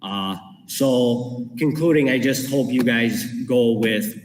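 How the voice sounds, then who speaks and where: Slow halting man in a roomy hall. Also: medium pitch. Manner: halting, many fillers, plainspoken. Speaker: parent speaking at public comment. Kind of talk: public comment at a school board meeting. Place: school board meeting room. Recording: roomy hall, distant mic, faint noise.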